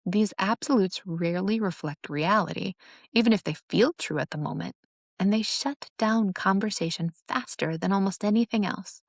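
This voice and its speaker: Female host, instructive and earnest, gravelly edge, dry studio read. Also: medium pitch, no echo. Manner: earnest, instructive, acts out sarcastic examples. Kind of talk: teaching monologue on relationships.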